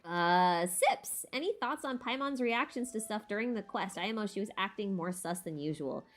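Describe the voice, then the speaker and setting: Hosting a livestream Q&A on game lore, this woman talks in a mid-range, expressive voice at an ordinary pace. Her answers come out casual and wandering, as if she's working them out aloud, tentative as she goes.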